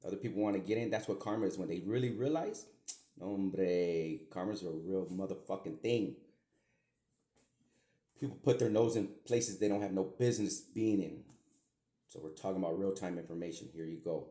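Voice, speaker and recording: This self-described medium and podcast host, a middle-aged man, talks to his daughter in a wandering, repetitive way, with a bit of mild cursing. His voice is low and mellow at a moderate pace, recorded in a room with echo.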